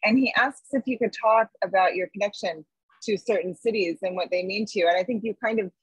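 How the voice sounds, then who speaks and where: Brief: woman moderator, husky voice, dry close sound, slow careful questions over video call. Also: mid-range voice, no room sound, low-quality recording. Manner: halting, measured questions with fillers. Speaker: interviewer.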